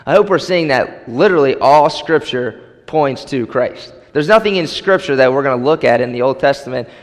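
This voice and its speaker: A man's voice: mid-range voice, animated, moderate pace. A man preaching a sermon as pastor, emphatic and repeating key phrases for weight. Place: church sanctuary. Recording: long hall reverb.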